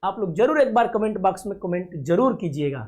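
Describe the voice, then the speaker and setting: High-voiced coaxing male coaching teacher. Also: lively intonation, fairly quick, darkish tone. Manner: coaxing, asks "clear?" often, calls students dear children; confident, promises guarantees. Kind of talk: classroom-style reasoning lesson for video.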